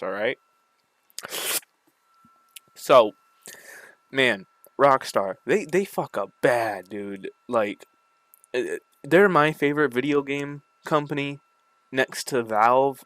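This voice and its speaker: A man delivers an annoyed, casual rant, swearing freely and stumbling over repeated words. His voice is smooth and clear despite a slight lisp from his retainers, and the recording is dry and close. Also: mid-range voice, a bit bright, no echo. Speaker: gaming video creator.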